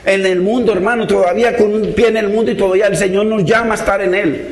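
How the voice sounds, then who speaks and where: High-voiced man preaching in an echoey room. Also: fairly even intonation, quick pace. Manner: earnest, pleading, repeats "hermano" often. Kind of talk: sermon.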